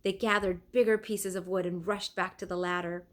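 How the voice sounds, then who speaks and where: A lowish-voiced woman reads from a children's picture book in a teacher's manner. She is expressive and unhurried, and she stops periodically to quiz her listeners.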